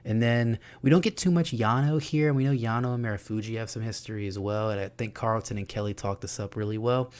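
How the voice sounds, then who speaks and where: A young man giving an excited, profane, laughing recap of a wrestling show. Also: medium pitch, smooth. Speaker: wrestling reviewer.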